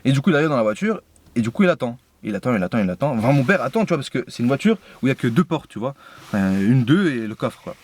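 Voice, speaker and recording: A man's voice: medium pitch, big pitch swings, quick pace, a little mellow. A young man, telling a personal story in a slangy, indignant way with lots of fillers. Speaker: YouTuber. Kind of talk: casual story time.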